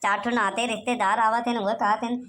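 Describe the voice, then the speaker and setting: A woman voicing a sly, haggling village man in a cartoon, talking in loud rustic Awadhi with constant tag questions. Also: fairly high pitch, flat delivery, brisk, a little hiss or hum, close to an everyday voice. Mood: pleading complaint. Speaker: villager voter. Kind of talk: cartoon comedy voice acting.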